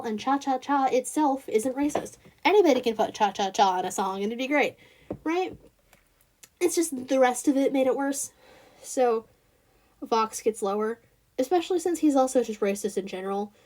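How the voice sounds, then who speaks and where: A woman's voice: high voice, animated, normal speed, dark tone. A woman with a Southern US accent hosting a casual review vlog, rambling with lots of fillers and restarts and talking straight to her viewers. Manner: chatty, addresses viewers directly. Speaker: channel host.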